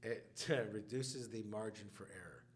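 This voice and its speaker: A man co-hosting a podcast in casual chat, a chatty, animated storyteller who laughs often. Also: fairly low pitch, unhurried. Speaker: podcast co-host.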